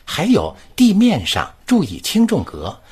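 A man's voice: huge pitch swings, unhurried, husky. A man teaching recitation over an online voice chat, reading lines aloud as examples and explaining where the stresses fall. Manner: demonstrates lines with wide pitch swings.

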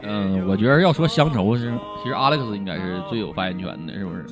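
A man's voice: fairly low pitch, animated, fast, dull audio. A man hosts a radio show in casual, bantering chat. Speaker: radio host. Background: instrumental music with guitar.

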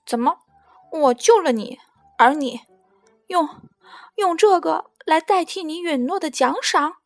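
A woman's voice: sits high, lively intonation, a little slow, dry recording, soft background music. A woman voicing an honest poor young man in a storybook, protesting angrily. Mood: indignant. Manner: indignant, protesting. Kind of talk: storybook character voice.

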